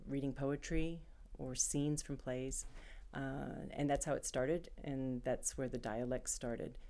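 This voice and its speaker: A woman's voice: rumbling low, dark tone. A woman voice actor answering interview questions in a chatty way, breaking into playful imitated accents.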